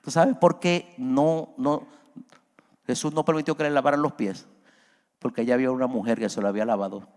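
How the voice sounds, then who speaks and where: A man preaching a sermon as a pastor, his voice climbing high and loud as he acts out pleas. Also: steady tone, brisk. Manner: preaching, voice rises high and loud when acting out Peter's plea. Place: church hall. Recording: long reverb of a large church.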